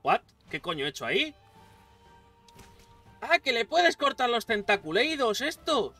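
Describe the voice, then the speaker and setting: A man with a Spain Spanish accent doing let's play commentary, excitable, swearing and yelling at the game. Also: extremely high pitch, unhurried, distant mic, soft background music. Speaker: gaming YouTuber.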